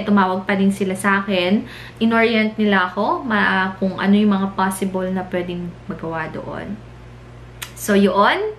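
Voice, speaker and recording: A woman's voice: medium pitch, a bit bright, roomy sound, a little hiss or hum. Chatty young woman with a filipino accent. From Philippines. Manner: chatty, mixes Tagalog and English, laughs often. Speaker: vlogger. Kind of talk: casual storytelling vlog.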